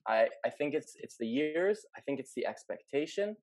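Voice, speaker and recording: A man's voice: medium pitch, sing-song, moderate pace, a little mellow, no echo. A man co-hosting a casual football chat, thinking aloud and hedging his opinions. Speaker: podcast co-host.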